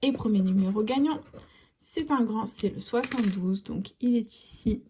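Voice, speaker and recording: A woman's voice: on the high side, normal speed, warm tone, slight background noise. A woman hosting a casual video, scratching lottery tickets and chatting to her viewers as friends, sometimes dropping to a half-whisper. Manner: chatty, addresses viewers as "les copains". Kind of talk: casual scratch-card commentary.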